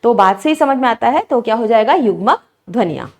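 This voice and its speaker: A woman's voice: on the high side, expressive, a little fast. Woman teacher quizzing students step by step. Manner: explains step by step with constant questions to students. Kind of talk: exam prep lesson.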